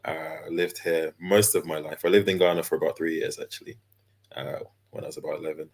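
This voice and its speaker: A man, chatting easily as an interview guest, relaxed and full of fillers and small laughs. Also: extremely low pitch, fairly quick. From London, England. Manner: laid-back, easygoing, with many fillers and laughs. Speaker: guest, character designer and illustrator. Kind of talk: casual interview chat.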